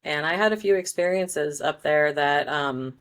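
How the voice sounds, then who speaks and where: A woman's voice: low-pitched, a little slow, a bit bright. A woman guest on a podcast, an author, chatting casually with frequent laughs and fillers.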